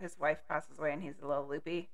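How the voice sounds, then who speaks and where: A woman's voice: low voice, fairly even intonation, fast, a crowd in the background. A woman co-hosting a podcast in casual chat, easygoing and rambling a little. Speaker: podcast co-host.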